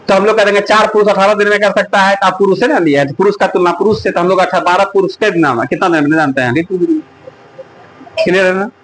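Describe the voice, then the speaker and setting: A man's voice: high-pitched, fairly bright tone, a little hiss or hum, poor audio. A man teaching a classroom math lesson, often stopping to ask the students whether they follow. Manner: coaxing, keeps asking the class if it is clear. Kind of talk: classroom lecture.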